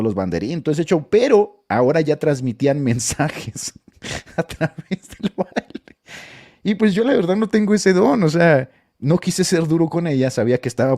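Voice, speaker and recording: A man's voice: on the high side, dark tone. A man with a northern Mexican accent, a preacher telling church anecdotes in casual storytelling talk, laughing often as he goes.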